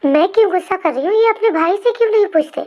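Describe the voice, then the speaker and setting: A woman's voice: very high-pitched, expressive, fast, muffled recording. Woman voicing a nagging sister-in-law. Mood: complaining. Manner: complaining, scolding.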